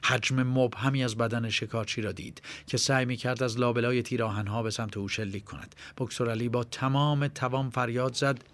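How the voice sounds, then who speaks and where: A man's voice: medium pitch, fairly even intonation, few pauses, fairly bright tone. Man narrating a tense story. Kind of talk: scripted audiobook narration.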